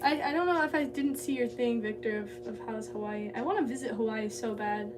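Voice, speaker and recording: A young Southern California woman livestreams from her home pottery studio, chatting casually and giggling as she reads viewer comments while working clay. Her voice is a little high and brisk, picked up by a distant mic with music playing and a noisy background.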